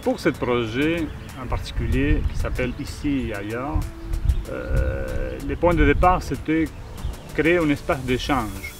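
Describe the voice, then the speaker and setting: A man's voice: mid-range voice, very animated, a little slow. A man from Argentina, speaking as a visual artist in a documentary interview. He talks hesitantly, with many fillers and restarts. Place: outdoor garden. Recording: voice picked up from a distance, faint music.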